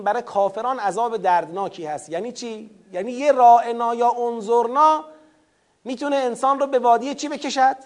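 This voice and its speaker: A man's voice: very high-pitched, darkish tone. A man giving a religious lecture on scripture, reciting Arabic verses and then explaining them with rhetorical questions. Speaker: Quran commentary teacher.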